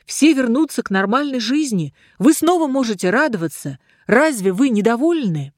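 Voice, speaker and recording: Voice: medium pitch, lively intonation, moderate pace, no room sound, studio quality, voice pushed up, lightly acted. A reader voicing an impatient, earnest young girl heroine in a storybook.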